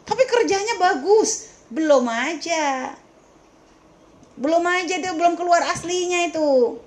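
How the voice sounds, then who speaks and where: A woman religious teacher lectures in a question-and-answer session. Her voice sits high, and she drives her points home emphatically. She scolds with rhetorical questions and talks to her listeners familiarly.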